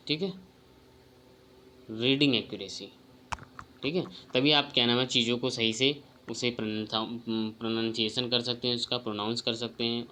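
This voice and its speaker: A man teaching an exam-prep lesson in Hindi, reading English questions slowly and asking rhetorical questions. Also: mid-range voice, sharp tone, slight background noise.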